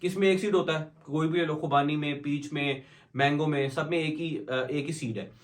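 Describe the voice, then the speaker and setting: Recorded far off in an echoey room, a male biology teacher with a fairly high voice lectures his class. His explanations blend Hindi and English; he asks and answers his own questions, and he slows down to dictate English definitions.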